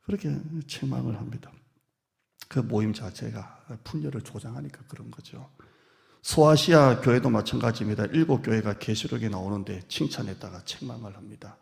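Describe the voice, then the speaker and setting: A man pastor preaching a sermon in a lively, playful way, acting out quoted speech and teasing the congregation. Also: mid-range voice, a little fast, vocal fry. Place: church sanctuary. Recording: long hall reverb.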